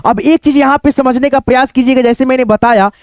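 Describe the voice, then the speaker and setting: Teacher, male, very high voice, spells words out slowly, close dry mic. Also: fairly even intonation, clear, resonant tone, dry recording. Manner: spells words out letter by letter, keeps asking "दोस्तों". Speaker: English teacher. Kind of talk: spoken lesson.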